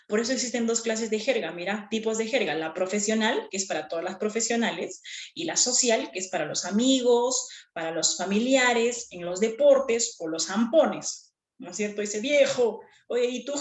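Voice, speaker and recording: Animated teacher in an echoey room. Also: female voice, medium pitch. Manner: animated, with frequent checking questions. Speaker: language teacher. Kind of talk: classroom lecture.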